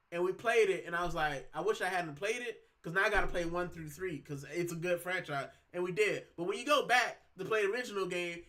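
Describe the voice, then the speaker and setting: A Puerto Rican man in his thirties hosts a laid-back livestream from home, his voice high and sharp. He rambles in slang, packs his talk with fillers, and reads chat comments aloud in a chatty way.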